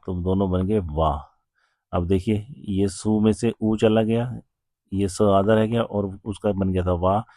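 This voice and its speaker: A man's voice: low-pitched, warm tone, no room sound, studio quality. A man teaching a grammar lesson, explaining step by step and often asking questions before answering them. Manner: slow, patient explaining with frequent rhetorical questions. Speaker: Sanskrit teacher.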